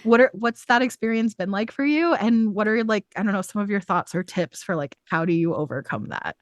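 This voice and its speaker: A woman's voice: medium pitch, a little fast, no echo, studio quality. A woman hosting a podcast, chatting in a casual interview with frequent laughs. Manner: animated, laughing often. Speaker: podcast host.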